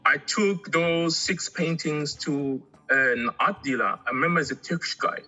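A middle-aged man from Angola who grew up in Congo chats casually as an artist guest in an interview, speaking haltingly and often repeating words. His voice is fairly high, pushed and bright, and the recording is rough.

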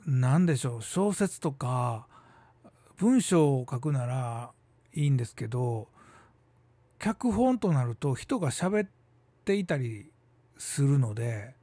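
A man's voice: mid-range voice, big pitch swings, dark tone, no room sound. A middle-aged man with a Kansai accent talking casually and musing aloud as the host of a solo talk show. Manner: chatty and musing, with quick asides and drawn-out hesitations. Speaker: theater troupe leader and podcast host.

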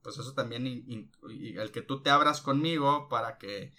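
A man's voice: medium pitch, moderate pace, sharp tone. A man with a Mexican accent, a teacher talking as a podcast guest in casual, slangy chat with frequent swearing. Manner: slangy and salty, with frequent "no?" tags.

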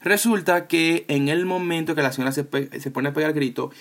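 A man's voice: fairly high pitch, steady tone, brisk, fairly bright tone. Chatty man telling a story. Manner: chatty, amused, acts out the people in his story. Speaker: podcast storyteller. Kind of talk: casual anecdotal storytelling.

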